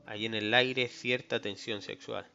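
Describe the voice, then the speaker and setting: A man reads a first-person novel aloud in a wry, conversational way. His voice is bright and forceful. The recording is slightly dull, with faint music underneath. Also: fairly low pitch, fairly even intonation, measured pace, gravelly. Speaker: audiobook reader.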